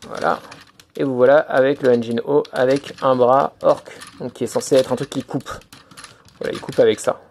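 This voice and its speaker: Male toy reviewer, mid-pitched, fry-tinged voice, hesitant step-by-step demo delivery. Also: steady tone, moderate pace, a little mellow, a little hiss or hum. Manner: hesitant, filler-heavy explaining, "donc voilà"; talks to camera while handling a toy. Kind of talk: hands-on toy review demonstration.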